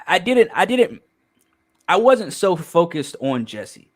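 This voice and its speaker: Male podcast host, somewhat raised pitch, excitable rambling delivery, profane, casual review talk. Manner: rambling, emphatic, profane, many restarts. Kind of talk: casual film review chat.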